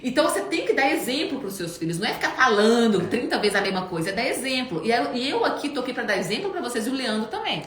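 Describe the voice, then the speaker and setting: A woman in her thirties hosting a casual chat, telling stories in an animated way. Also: a little high, fast, hardly any pauses. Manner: animated storytelling. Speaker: host. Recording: echoey room, faint background noise.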